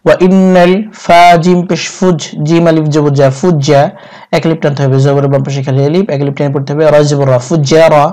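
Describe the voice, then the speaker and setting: A man teaching Quran reading, spelling out letters and vowel marks in a steady, methodical way, then reciting each phrase slowly and melodically. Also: a little high.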